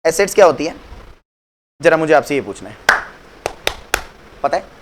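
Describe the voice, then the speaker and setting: At a moderate pace and in a fairly high, sing-song voice, a man lectures on accounts in a chatty way, quizzing students and answering his own questions. He mixes English into Hindi and warmly calls them "beta."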